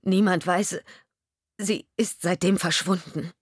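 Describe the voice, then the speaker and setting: A woman's voice: fairly low pitch, fairly even intonation, slow pace, slightly rough, no echo, clean studio sound. A woman reading an audiobook, voicing a bewildered, hostile husband who questions coldly. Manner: cold, suspicious questioning.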